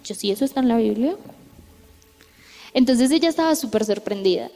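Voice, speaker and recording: This young Colombian woman speaks with a fairly high, brisk voice touched by vocal fry, her Colombian accent clear as faint music plays behind her. She delivers a chatty youth sermon built on stories, retelling them lively and checking in often with tag questions, in an echoey church hall.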